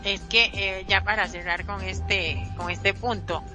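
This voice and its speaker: A woman's voice: medium pitch, fairly even intonation, measured pace, over music. A woman hosting a casual talk show, chatty and playful as she quotes other people. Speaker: host. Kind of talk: casual chat.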